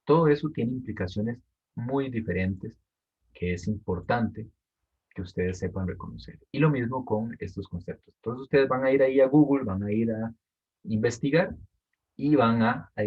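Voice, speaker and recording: A man explains an assignment to his students in a patient, step-by-step way and repeats the key points. His voice is husky and sits fairly low. The audio sounds dull and lo-fi, like a computer microphone. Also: normal speed. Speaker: teacher.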